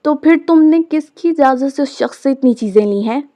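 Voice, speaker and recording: A woman's voice: high-pitched, normal speed, dark tone, voice pushed up, natural voice. A woman reading the part of a stern young mother who sharply scolds her daughter in a storybook. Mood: scolding.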